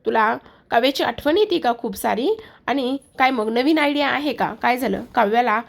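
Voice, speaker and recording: Teasing, coaxing middle-aged mother with a gravelly edge, voiced by a woman narrator; chatty and playful. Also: on the high side, moderate pace.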